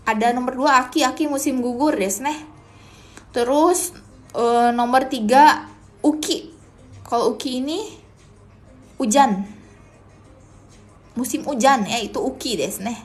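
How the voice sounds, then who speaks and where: Chatty young woman teaching live. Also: on the high side. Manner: chatty and casual, mixing in Japanese words. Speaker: Japanese language teacher. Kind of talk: live-stream language lesson.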